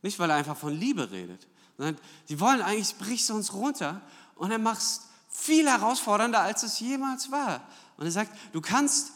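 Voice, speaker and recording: A preacher delivers his sermon in a fairly high, animated voice that rises and falls constantly. He drives his points with rhetorical questions and frequent tag checks to the congregation. His voice carries through a hall with a long, lingering reverb. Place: church hall.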